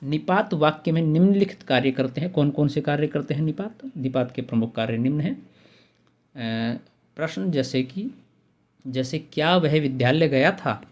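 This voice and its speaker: A man with a fairly high-pitched voice gives a grammar lesson. He works through examples methodically, one at a time, and repeats the key terms for emphasis. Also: expressive, normal speed, darkish tone, lo-fi sound. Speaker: Hindi grammar teacher.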